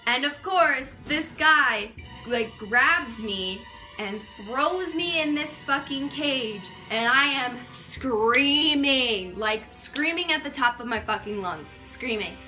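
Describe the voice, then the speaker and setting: A young woman vlogger telling a casual storytime, chatty and animated, with lots of swearing and fillers. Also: high voice, takes it slowly, soft background music. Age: young adult.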